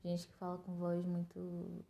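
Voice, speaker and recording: A woman with a Brazilian Portuguese accent, hosting a podcast in expressive, exclamatory casual chat. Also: fairly low pitch, measured pace, gravelly. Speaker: podcast host.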